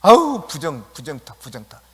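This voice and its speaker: A rude, scornful crowd that shouts someone down with harsh insults, acted out by a man. The voice is sharp, loud and abrupt. It echoes through a long-reverb church hall. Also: medium pitch, animated, fairly quick, natural voice. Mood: contemptuous. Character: rude scolding crowd of men, contemptuous.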